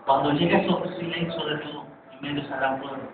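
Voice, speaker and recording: A man preaching a sermon in a church, emphatic and repetitive, with long dramatic pauses. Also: fairly high pitch, fairly even intonation, noisy background. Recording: very echoey, distant, phone-like church recording.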